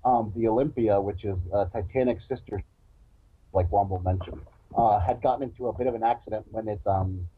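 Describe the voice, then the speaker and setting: A man co-hosting a casual chat, blunt, argumentative and quick to swear. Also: lowish voice, slightly rough, no echo. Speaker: co-host. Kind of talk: casual chat with call-ins. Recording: tinny phone-like call line.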